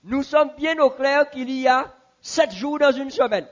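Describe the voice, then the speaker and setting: The speaker, a man with a very high-pitched voice, runs a church Bible class where he questions the audience and goes over the answers slowly. The audio comes across as dull.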